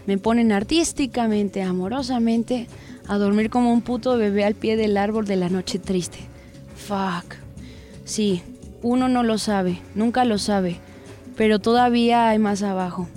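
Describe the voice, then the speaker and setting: Dark-toned woman reading gritty fiction. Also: medium pitch, faint music behind. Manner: crude slang, gritty and unhurried. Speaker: narrator. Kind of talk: dramatic first-person story reading.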